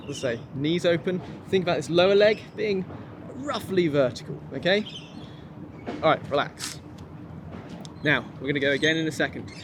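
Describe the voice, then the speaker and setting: A man instructing a kung fu class, encouraging and informal, giving step-by-step commands and counts. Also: a little high. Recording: noisy outdoor recording with traffic ambience.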